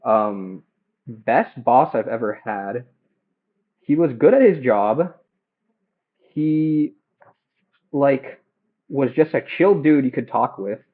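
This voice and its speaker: A young man chatting casually and haltingly while cooking at home, livestreaming through headphones used as a mic. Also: mid-range voice, animated, narrow, tinny audio. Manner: hesitant, halting, self-questioning. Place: home kitchen. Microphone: headphones used as a phone mic.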